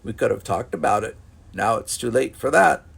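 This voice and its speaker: A man's voice: lowish voice, animated, normal speed, gravelly, fairly bright tone, breathy edge, full character voice. A man voicing a reproachful crewmember who argues back.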